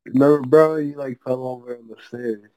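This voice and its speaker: A young man co-hosting a podcast, chatting in a relaxed way and laughing often. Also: mid-range voice, moderate pace, clear, resonant tone, poor audio. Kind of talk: casual chat.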